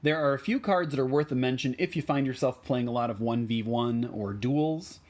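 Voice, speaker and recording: At a normal speed and in a mid-range voice, this man walks through the card choices for a deck. He is a deck tech host with a Midwestern American accent, easygoing and sprinkling in lots of ums and uhs.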